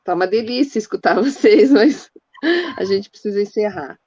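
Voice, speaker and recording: A woman's voice: medium pitch, warm tone, husky, dry recording, muffled recording. A woman moderator on a video call, politely and hurriedly wrapping up a panel. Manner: polite, apologetic, hurried wrap-up.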